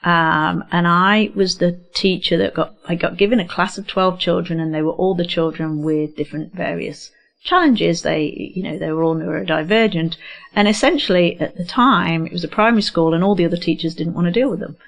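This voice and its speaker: Brisk and steady, with a lowish voice and vocal fry, a middle-aged woman from England with a slight English accent guests on a radio interview in a studio. Captured on a studio microphone, the neurodiversity educator speaks candidly and reflectively, hesitating many times.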